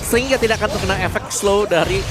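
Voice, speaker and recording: A man's voice: high voice, fast. A man with an Indonesian accent analysing a live esports match in an explanatory, emphatic manner. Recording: music playing behind voice.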